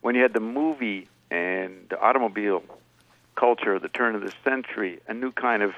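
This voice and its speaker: A man giving measured, professorial explanations as a guest commentator on a radio show. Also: fairly low pitch, narrow, tinny audio. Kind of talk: explanatory radio interview talk.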